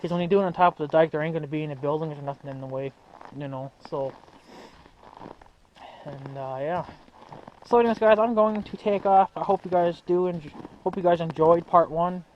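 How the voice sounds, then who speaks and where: Fairly high-pitched and fairly quick, a young man runs a hobbyist vlog and chats loosely with his audience. He drifts from thought to thought in slangy, casual speech, captured on a muffled, noisy amateur recording.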